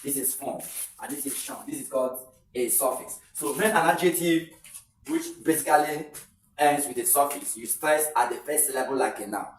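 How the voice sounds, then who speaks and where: A man's voice: medium pitch, normal speed. A man gives an exam-prep lesson, walking through rules step by step and repeating key phrases. He sounds distant from the mic. The room is echoey, with a faint hiss of noise underneath. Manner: repetitive, explains step by step. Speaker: English teacher.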